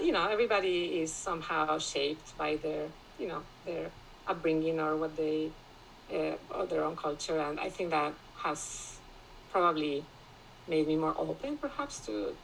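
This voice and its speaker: A woman from Spain, a classicist, talking as a guest in a podcast interview, thoughtful and pausing often with restarts. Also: low voice, creaky, a little hiss or hum, rough recording. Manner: thoughtful, many restarts and fillers, laughs often.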